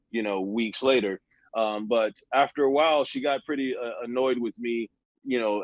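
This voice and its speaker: A man on a video call, telling an anecdote haltingly with many fillers. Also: medium pitch, no room sound. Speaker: panelist actor. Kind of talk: casual anecdote. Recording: dull dry video-call audio.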